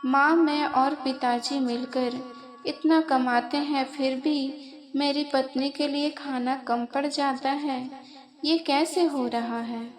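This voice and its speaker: A woman voicing an angry young husband who confronts his mother, in a raised and urgent voice. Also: sits high.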